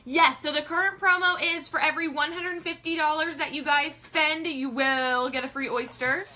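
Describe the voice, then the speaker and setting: A bubbly, bright young adult woman live-streams to sell products, chatting away as she greets viewers by name and reads comments aloud. Her voice sits high with fairly even intonation at normal speed, and she's in a small indoor room with a colorful backdrop.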